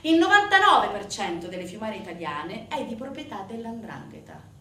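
On stage in a solo show, an actress plays an indignant, sardonic storyteller denouncing organized crime, firing emphatic rhetorical questions at the audience. Her mid-range, slightly bright voice swings widely in pitch at a normal speed, and the roomy, distant recording carries faint noise.

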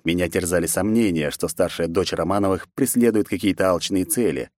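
Man, low voice, first-person audiobook narration, sardonic, dry studio sound. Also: a little fast, darkish tone, dry recording. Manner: wry, sardonic storytelling.

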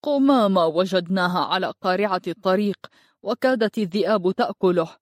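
A woman voicing a husky-voiced bullying village man who speaks with anger and contempt. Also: mid-range voice, fairly quick, no room sound, clean studio sound, close to an everyday voice. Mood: scornful. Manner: contemptuous, angry.

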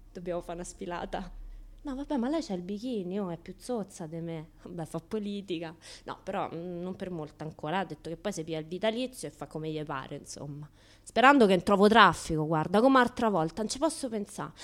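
In this colloquial radio theatre monologue, a Roman-accented actress voices a young woman, defiant and self-styled as naive, who swings from hushed asides to loud outbursts. The mood is flippant and chatty, and her mid-range voice is lightly acted.

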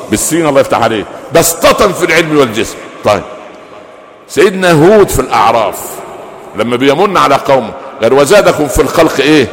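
An older man with an Egyptian Arabic accent giving a religious lecture, animated, questioning his audience and drawing out words. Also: mid-range voice, long reverb tail. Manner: animated, asks the audience questions and pauses for answers. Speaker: preacher.

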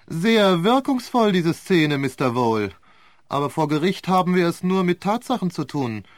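A sharp, relentless courtroom prosecutor, voiced by a man reading the story speaks in a raised, biting tone, twisting every answer with cool sarcasm. The sound is dry and close, with no room around it. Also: on the high side, sing-song, moderate pace, no echo, pitched above the performer's own voice. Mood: cutting. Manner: cutting, sarcastic cross-examining.

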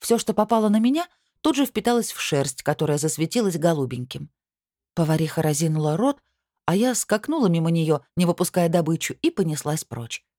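A woman reads a first-person story aloud in a low, deep voice, with lively, wry storytelling. The sound is dry and close, with no room around it. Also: brisk, no room sound. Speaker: audiobook narrator. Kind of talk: first-person scripted narration.

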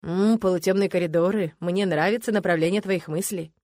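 A woman's voice: fairly low pitch, steady tone, fairly quick, a little mellow, no echo, studio quality, lightly acted. Woman reading as an unruffled young male mage. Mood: teasing. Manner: easygoing, unruffled. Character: young male light mage, cocky, teasing.

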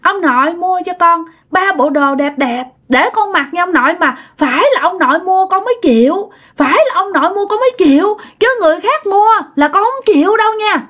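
A sulky little ghost child whines and pleads in a piping, very high voice, as a woman storyteller puts it on. The talk is clingy and reproachful, full of childish wheedling. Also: expressive, fairly quick, hardly any pauses, a bit bright.

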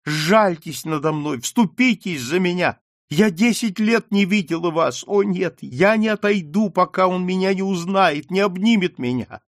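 A man reading an audiobook, voicing a desperate young daughter who pleads in high, tearful cries. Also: expressive, normal speed, gravelly, no room sound, studio quality. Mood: pleading.

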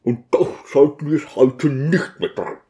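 A man voicing a stubborn, suspicious male deacon who speaks deliberately. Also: a little high, mellow, voice pushed up, natural voice.

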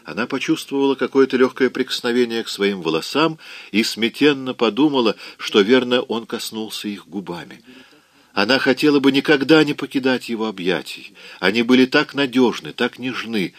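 A man narrating a novel in a measured storytelling manner. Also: mid-range voice, animated, no echo. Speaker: audiobook narrator. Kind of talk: scripted narration.

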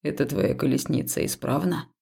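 A woman voicing a young male necromancer who speaks in a cool, unhurried, indifferent way in an audiobook. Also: a bass voice, expressive, gravelly, mellow, husky, pitched below the performer's own voice, heavily acted. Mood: aloof, calm. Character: calm aloof male necromancer, young man. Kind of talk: audiobook character voice.

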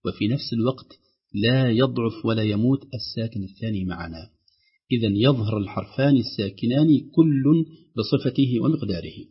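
A man teaching Quran recitation rules on a call-in show, explaining each rule and then reciting the examples slowly and drawn out. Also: medium pitch, slightly rough. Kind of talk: tajweed lesson on a call-in show. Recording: dull lo-fi broadcast sound.

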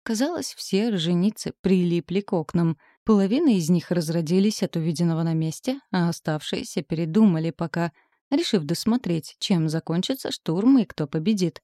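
A woman reads a first-person comic audiobook in a lively, storytelling manner. Her voice sits low and warm. The recording is dry and close. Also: normal speed, no echo. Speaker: audiobook narrator.

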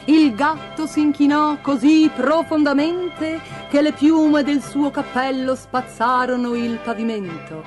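A woman narrating a fairy tale aloud in an expressive storybook reading. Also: high voice, measured pace, hardly any pauses, faint music behind.

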